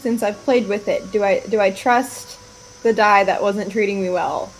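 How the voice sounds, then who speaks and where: A woman's voice: mid-range voice, normal speed, a little hiss or hum, poor audio. A woman playing a tabletop game, chatting casually and second-guessing her choices. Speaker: player.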